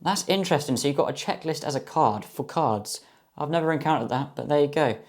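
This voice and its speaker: A man's voice: a little high, brisk. A young man chatting casually as he opens a box of trading cards, enthusiastic and full of ums and guesses. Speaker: card box opener. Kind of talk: casual box-opening commentary.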